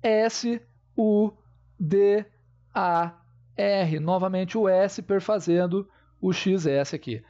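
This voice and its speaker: A man's voice: high voice, slow pace, mellow, muffled recording. A man teaching a grammar lesson, explaining step by step and checking in with his viewers.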